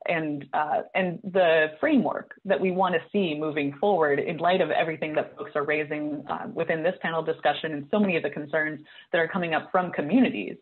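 A woman's voice: sits low, steady tone, a little fast, husky. Woman advocate on a tinny call line. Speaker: cannabis policy advocate. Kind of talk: panel discussion on a video call. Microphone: video call. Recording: tinny phone-like audio.

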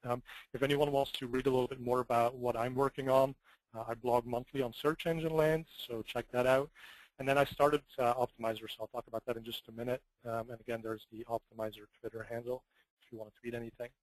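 A man's voice: mid-range voice, fast talker, no echo, low-quality recording. A man from Belgium giving a webinar talk, full of fillers, over a faulty computer microphone that cuts in and out with uneven volume. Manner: steady explanatory talk with many "uh" and "um" fillers. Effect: faulty mic, audio cutting in and out with uneven volume. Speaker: webinar guest speaker. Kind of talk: webinar presentation, casual and halting. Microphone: computer microphone with a loose connection.

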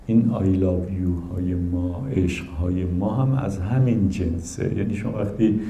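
Low dark-voiced man giving a spiritual talk. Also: reverberant. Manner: animated storytelling, acting out quoted people. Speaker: spiritual teacher and counselor.

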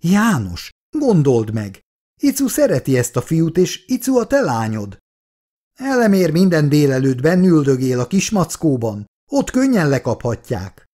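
Guy doing worried soft grandma, soothing and pleading, bit lower voice. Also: wildly swooping pitch. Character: soft-hearted, anxious grandmother.

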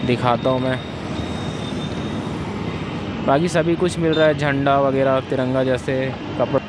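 A man's voice: mid-range voice, level tone, measured pace. A young man making a casual outdoor vlog on his phone, chatting directly to his viewers by a busy road and a stadium crowd. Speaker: vlogger. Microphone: phone held at arm's length. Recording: loud outdoor traffic noise. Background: traffic and crowd outside.

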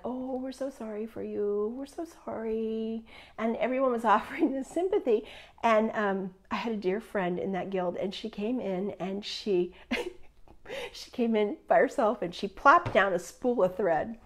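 A middle-aged woman teaching a live online quilting class in a chatty, upbeat way, laughing often. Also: mid-range voice.

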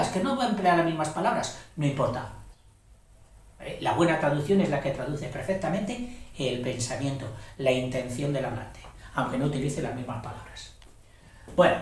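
Man, English teacher, unhurried delivery, heavy room echo. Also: on the high side, distant mic. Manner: explanatory, self-deprecating, frequent "¿eh?" checks. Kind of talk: spoken grammar lesson. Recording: very echoey room, voice from off-mic.

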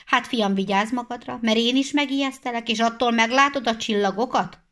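A woman voicing a stern, gruff middle-aged head huntsman for a storybook reading. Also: fairly high pitch, a bit bright, pitched above the performer's own voice, close to an everyday voice.

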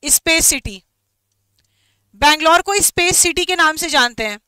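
A woman's voice: very high-pitched, expressive, bright, forceful tone, no room sound. A woman teaching an exam-prep quiz lesson online, repeating each question and mixing English phrases into her talk. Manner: reads English questions slowly and carefully.

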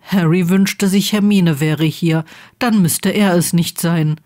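A woman's voice: fairly low pitch, steady tone, slow pace, a little mellow. Woman reading fan fiction aloud. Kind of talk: storybook narration.

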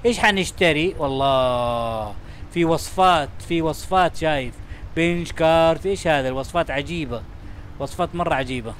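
Fast-talking man narrating a game. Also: a little high, a little hiss or hum. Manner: chatty and excitable, talking to the game and its items. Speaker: gaming channel host. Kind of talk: let's-play commentary.

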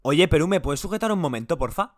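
A man acting out a comic sketch, switching between many characters and often shouting. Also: on the high side, lively intonation, fast. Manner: switches voices, shouts a lot. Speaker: comedy video creator.

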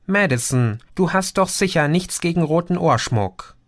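A man voicing a cheerful, talkative male green insect alien with a lively, playful way of talking. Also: a little high, normal speed, voice pushed up, natural voice. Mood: soothing.

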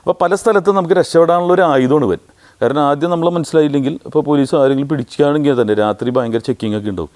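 A middle-aged man from Kerala with a Malayali accent, a comedian telling anecdotes about his career in casual, animated storytelling with a thin, squeezed voice. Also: fairly high pitch. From Kerala, India. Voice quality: thin squeezed voice, which he says sounds like a duck grabbed by the neck. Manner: animated anecdotes with quick mimicry of other voices.

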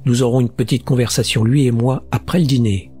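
A man's voice: mid-range voice, fairly even intonation, brisk, a little mellow, soft background music, natural voice. A man reading aloud voices a placid office-worker father who turns curt and menacing. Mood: gruff.

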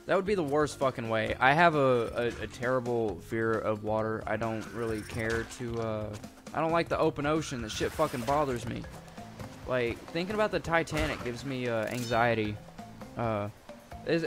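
A man's voice: medium pitch, a bit bright. A man giving profane, rambling commentary on a game he is playing, muttering to himself and erupting in frustrated outbursts. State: hungry and a bit grumpy. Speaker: gaming YouTuber. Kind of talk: profane casual let's-play commentary.

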